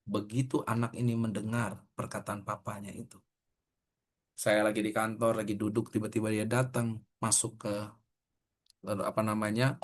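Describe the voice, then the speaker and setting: A middle-aged man, preaching a sermon in a conversational way, telling a story and acting out the quoted dialogue. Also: fairly low pitch.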